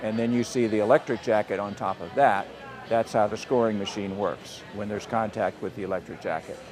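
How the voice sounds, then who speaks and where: Guy from a fencing club walking thru the rules, lowish voice, faint music behind. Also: fairly even intonation, fairly quick. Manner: plain, step-by-step explaining. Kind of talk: explaining fencing rules on camera. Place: outdoors at a fencing event.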